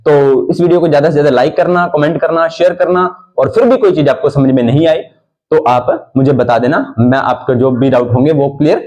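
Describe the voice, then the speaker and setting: A man's voice: on the high side, brisk, a little mellow, low-quality recording. A man teaching a live online exam-prep class, asking students questions, answering them himself and drilling key points again and again.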